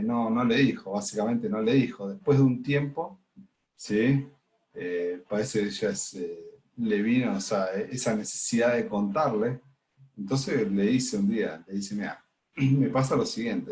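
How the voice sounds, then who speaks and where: A man with an Argentine Spanish accent gives a relaxed spiritual lesson to his group. His voice sits a little low, and he keeps pausing to ask if everyone follows, sprinkling his talk with small fillers. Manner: explains with frequent "¿sí?" check-ins and "digamos" fillers. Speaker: spiritual study group leader.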